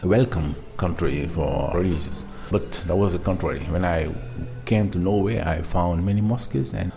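A man from Senegal with a Senegalese accent answers interview questions informally in non-native English, haltingly searching for words. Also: sits low, gravelly, over music. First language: not English. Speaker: interviewee, migrant worker.

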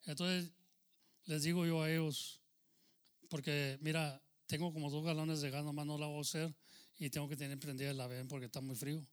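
Pastor telling his story, higher-pitched man. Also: flat delivery, normal speed, clear, resonant tone. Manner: conversational, addressing listeners as brother. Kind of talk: testimony sermon.

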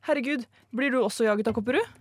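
A woman's voice: fairly high pitch, breathy edge, no echo, studio quality. A woman playing a theatrical male amateur sleuth who speaks in an earnest, dramatic, speechifying way, in a live comedic radio play.

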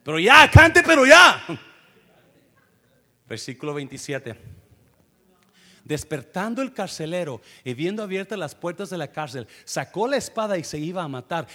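A man preaching a lively sermon as pastor, acting out scenes, calling out sound effects and laughing. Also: fairly high pitch. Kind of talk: energetic bilingual sermon. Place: church.

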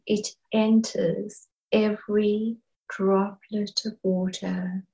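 Very slow, soft, mellow woman guiding meditation. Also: medium pitch, rough recording. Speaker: guided meditation leader. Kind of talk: slow guided meditation narration.

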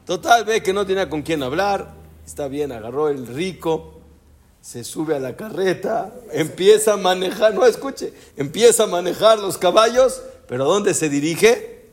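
A man's voice: high-pitched, lively intonation, normal speed. A man, a rabbi giving a storytelling Torah class who keeps asking his listeners rhetorical questions.

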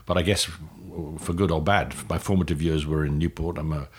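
An older man from Wales answering interview questions in a halting way, with many restarts and fillers. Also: a bass voice, steady tone, breathy edge. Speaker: guest.

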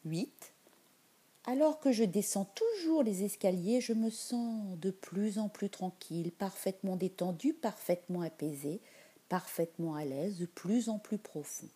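A woman leading a guided meditation in a soft, soothing voice that drifts into whispers. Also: medium pitch, animated, a little slow, husky.

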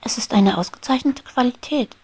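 A woman's voice: a little high, moderate pace, husky, no echo, pitched above the performer's own voice. A woman whispering Maya, a shy little bee in whispered role-play. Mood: eager. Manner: soft-spoken, delighted exclamations. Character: little female bee, shy, bubbly and eager.

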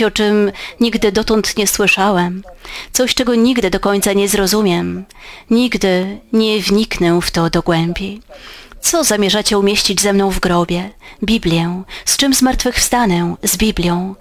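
A woman preaching a sermon in a measured, earnest way, her voice rising for emphasis. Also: medium pitch.

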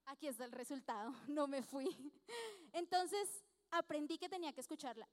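A woman with a high voice gives an earnest church talk mixed with personal testimony. She speaks in a chatty, heartfelt way. Her voice carries with a long echo, as in a church hall. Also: expressive, moderate pace. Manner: earnest, chatty, acts out dialogue with frequent small laughs.

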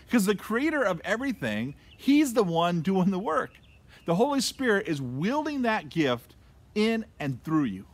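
A man preaching a casual, conversational sermon with playful asides. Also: high-pitched. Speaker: pastor.

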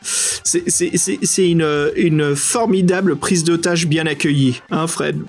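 A man with a French accent co-hosting a podcast in casual, excitable, slangy chat. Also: a little high, slow pace, soft background music. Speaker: podcast co-host.

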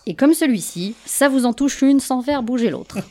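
Brief: woman, mellow warm voice, witty science talk presenter. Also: high-pitched, expressive, moderate pace. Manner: playful, jokey asides to the audience. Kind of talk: humorous popular science talk.

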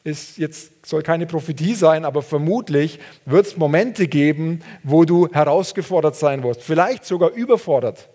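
A man preaching a sermon, reading scripture aloud and swinging between soft, low passages and loud, raised ones. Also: expressive, normal speed, few pauses.

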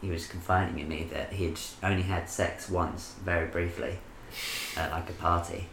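Young guy w a really deep voice, laid-back dry storytelling, echoey room. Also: fairly even intonation, moderate pace, vocal fry, fairly bright tone, a little hiss or hum. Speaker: podcast co-host. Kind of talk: casual storytelling chat.

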